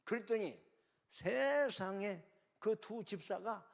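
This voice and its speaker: A man's voice: sits high, expressive, slow pace, vocal fry. A middle-aged male pastor telling a story in a revival sermon, acting out the voices of the people he quotes.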